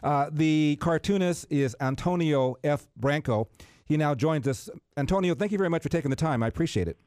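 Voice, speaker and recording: A man hosting a talk radio interview, speaking in a measured, conversational way with occasional fillers. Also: fairly high pitch, a little mellow, dry recording, studio quality. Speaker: radio talk show host.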